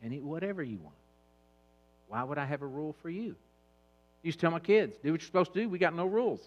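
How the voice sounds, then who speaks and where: A middle-aged man giving a humorous, animated church talk on eating habits, swinging between quiet asides and loud bursts. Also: on the high side, fast, highs cut off. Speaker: fitness trainer speaking at church. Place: church hall.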